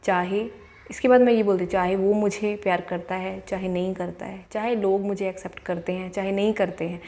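An earnest young woman, a law of attraction coach, gives a motivational talk to camera indoors before a plain wall, slowly repeating affirmations. Her mid-range voice is steady and mellow, recorded on a clip-on lapel mic.

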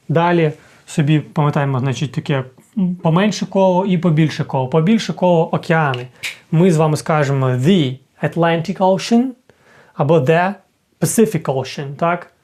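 A man's voice: fairly high pitch, darkish tone. A man who teaches English, explaining a grammar point step by step and checking in with viewers as he goes. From Ukraine. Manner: talks to viewers directly, with many fillers and "так?" checks. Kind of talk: explanatory lesson, thinking aloud.

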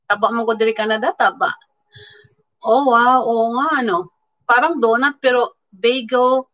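A Filipino woman hosts a relaxed live stream and chats with her viewers. Her voice sits a little high and bright, and she talks in an unhurried way. The audio is dull and lo-fi. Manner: chatty, code-switching, thanks viewers by name, frequent fillers. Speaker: vlogger chatting with live viewers. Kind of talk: casual live-stream chat. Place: indoors at home in Canada.

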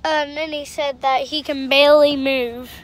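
A young woman vlogging from the back seat of a car in a car wash, excitable, squealing and laughing. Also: high voice, normal speed. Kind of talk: casual vlog commentary. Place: inside a car going through a car wash. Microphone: phone camera held in the back seat. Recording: noisy car wash background.

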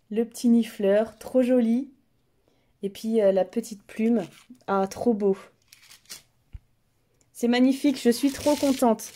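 A woman in her thirties chats through an unboxing, eager and gushing, with lots of little fillers and restarts. Her voice sits a little high. The tone is soft and mellow rather than bright. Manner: enthusiastic, many fillers and restarts. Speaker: vlogger. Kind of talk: casual unboxing chat.

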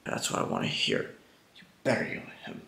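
A man's voice: a little fast, fairly bright tone, roomy sound. A man playing himself in a comedy skit, talking in a nervous, confused way.

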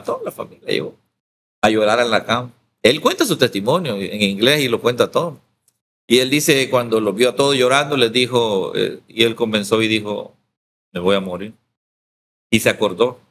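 A man's voice: lowish voice, normal speed, a bit bright. A man from El Salvador, a pastor, telling his story in an interview and acting out the quoted dialogue.

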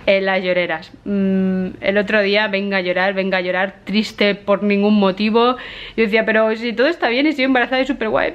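Chatty excitable woman from Spain. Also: mid-range voice, lo-fi sound. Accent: Spain Spanish. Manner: chatty and excitable, often laughing. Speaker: vlogger. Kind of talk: casual vlog to camera.

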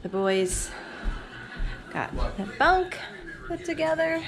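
A woman's voice: sits high, very animated, slow, creaky, over music. Chatty middle-aged woman vlogging a renovation. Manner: chatty, upbeat, rambling with ums. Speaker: family vlogger. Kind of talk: casual home-renovation vlog. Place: small lake house, indoors and in the yard. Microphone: handheld camera at arm's length.

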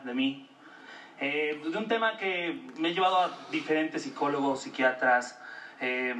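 On a comedy stage in front of an audience, a Mexican stand-up comedian delivers a crude, slang-heavy, self-mocking routine in a slightly high, bright, forceful voice. The club recording sounds roomy and noisy, picked up by a distant mic.

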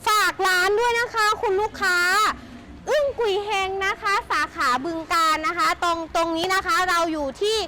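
A woman's voice: extremely high pitch, normal speed. A woman presenting a chatty sales walkaround as a shop host, with gushing, enthusiastic patter. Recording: noisy handheld recording with vehicle sounds.

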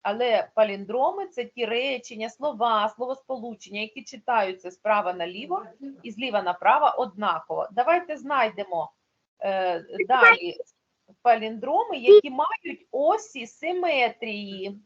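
A woman's voice: fairly high pitch, lively intonation, normal speed, a bit bright, muffled recording. Patient woman teacher on a video call. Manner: patient, explaining step by step. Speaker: primary school teacher. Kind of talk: online class teaching.

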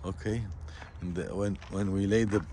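A man walking a construction site and explaining the work in plain, halting, repetitive phrases, recorded on a handheld phone outdoors. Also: low-pitched, fairly even intonation, dark tone, slight background noise. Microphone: phone camera held by the speaker.

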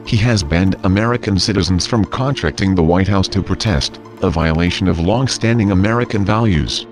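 Male narrator, low voice, solemn scripted political address, clear music bed underneath. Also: brisk.

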